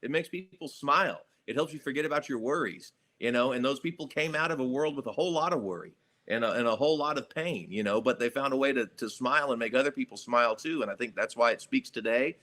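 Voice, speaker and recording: A man with a bright, forceful voice talks as a guest in a casual interview. He is reflective and animated, and he laughs easily. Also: medium pitch, fast. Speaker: guest musician.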